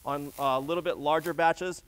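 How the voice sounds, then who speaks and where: A middle-aged man talks through a hands-on demonstration in a large warehouse, pausing on fillers and restarting sentences as he works. His voice sits a little high for a man, picked up on a lapel mic while he kneels on the floor. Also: steady tone, clean tone. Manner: practical, explanatory, with frequent fillers and restarts. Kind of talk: instructional demonstration.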